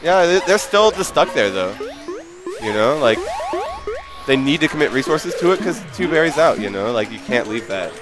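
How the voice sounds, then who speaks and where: A man giving analytical play-by-play on a match, breaking into excited shouts. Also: a little high, normal speed, music in the background. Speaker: esports commentator. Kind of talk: play-by-play commentary.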